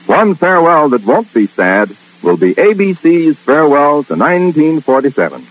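Husky 1940s radio announcer on old disc. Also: male voice, muffled recording. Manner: lively, upbeat sales-pitch delivery. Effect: old broadcast transcription disc.

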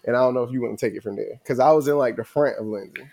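A man's voice: medium pitch, very fast, gravelly, a little mellow. A man co-hosting a travel vlog, telling a story in a loose, rambling way full of fillers and slang. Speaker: vlog co-host. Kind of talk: casual storytelling.

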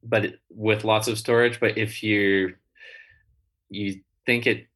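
A man being interviewed as a guest, talking casually in halting phrases with many restarts. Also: on the low side, flat delivery, a bit bright, slightly rough. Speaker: guest, builder and rental owner.

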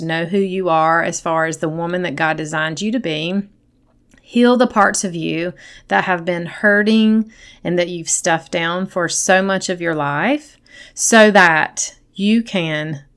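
A woman's voice: lowish voice, fairly bright tone. A middle-aged woman hosting a podcast, talking casually and personally in an earnest, encouraging manner to women listeners. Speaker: podcast host and coach.

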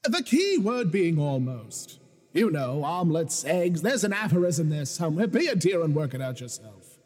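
An actor playing a smug, scheming male puppet-master in a video game, grandiose and taunting, with a breathy voice. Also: fairly high pitch, sing-song, normal speed, darkish tone, big-room sound. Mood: mocking. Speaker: villain.

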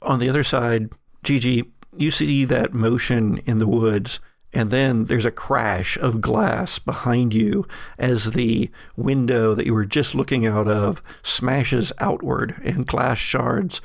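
Acting as game master, a man narrates an improvised horror tabletop game, halting and pausing mid-sentence to build suspense. His voice is medium-pitched and creaky, and the recording is dry.

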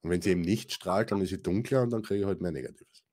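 A man co-hosts a spiritual podcast, rambling through casual, colloquial talk with many restarts. His voice sits low, a little mellow, and moves fast.

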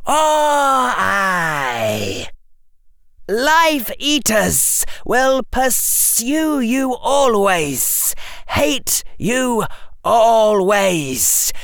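A reader voicing a cruel, mocking male dark wizard lord who hisses his words slowly and breaks into shouts. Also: medium pitch, sing-song, creaky, dry recording, studio quality, pitched above the performer's own voice, full character voice. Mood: menacing. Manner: hissing, slow and drawn-out, bursts into shouts.

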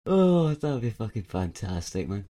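A man co-hosting a casual podcast, reacting with loud enthusiasm and plenty of swearing. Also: lowish voice, sing-song, moderate pace. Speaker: podcast co-host.

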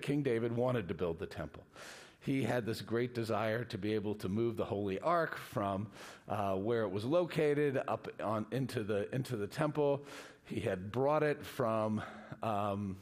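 An older man, a rabbi, giving an informal, halting, self-deprecating lecture, his voice slightly muffled by a face mask. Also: medium pitch. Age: older, a grandfather. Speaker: rabbi, guest teacher.

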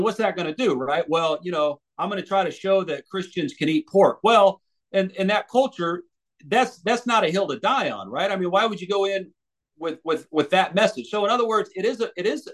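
A man from the United States, an evangelist and author, answering interview questions thoughtfully, with many restarts and fillers. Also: high voice.

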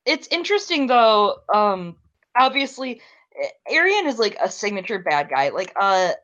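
A woman's voice: medium pitch, sing-song, normal speed, fairly bright tone, lo-fi sound. A young woman hosting a podcast, chatting casually and ranting with frequent swearing. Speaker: podcast host.

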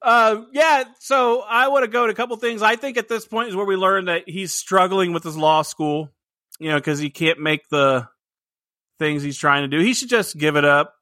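A man's voice: sits high, moderate pace, sharp tone, no echo, studio quality. A man co-hosting a movie podcast, chatting casually and laughing often between rambling restarts. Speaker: podcast co-host. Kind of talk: casual movie review chat.

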